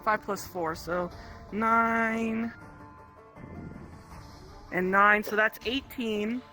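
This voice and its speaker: A man playing a tabletop game with friends, excitable and swearing. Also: high-pitched, soft background music. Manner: excitable, swearing, slow and bright. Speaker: player. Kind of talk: casual tabletop play with friends.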